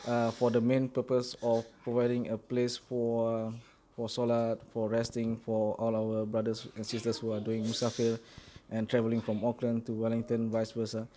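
Middle-aged man from Singapore, even monotone, hesitant, handheld mic in a small prayer room. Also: medium pitch, moderate pace, a little hiss or hum. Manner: steady, hesitant with many ums. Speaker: mosque founder. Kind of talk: casual interview answers. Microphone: handheld mic held by interviewer.

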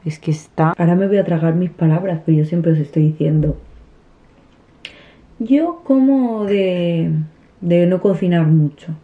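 Sitting at the dinner table in a small room at home, a woman in her thirties who vlogs about family eats and talks casually to a camera placed close by on the table. She speaks softly and unhurriedly in a fairly low voice, often starting over, with a tinny, phone-like audio quality.

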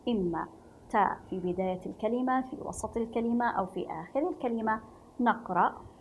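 A woman from Yemen teaching a reading lesson to young children, speaking slowly and spelling sounds out clearly while asking the class questions. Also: mid-range voice, darkish tone, poor audio. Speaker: primary school teacher.

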